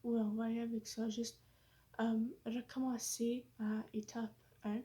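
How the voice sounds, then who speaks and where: Woman vlogger, English-influenced French accent, slow and halting with a flat, mellow, slightly high voice, self-conscious and full of fillers. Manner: hesitant, searching for words, many fillers. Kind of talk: casual vlog monologue.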